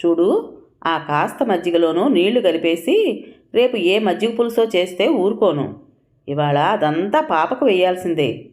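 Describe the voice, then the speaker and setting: A woman's voice: fairly low pitch, lively intonation, moderate pace, a little mellow, natural voice. A woman voicing a frail, stubborn old mother-in-law who speaks firmly and commandingly. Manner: firm, commanding, self-denying.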